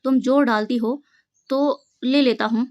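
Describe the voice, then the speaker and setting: A woman's voice: fairly high pitch, fairly even intonation, measured pace, darkish tone, lo-fi sound, slight background noise, natural voice. A woman reading the part of a polite, friendly young boy visiting a neighbor.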